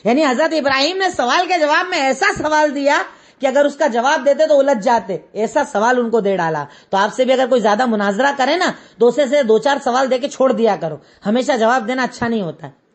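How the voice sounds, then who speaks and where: Animated woman teaching a religious lesson. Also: sits high. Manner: animated storytelling with rhetorical questions. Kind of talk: Islamic lesson retelling prophets' stories.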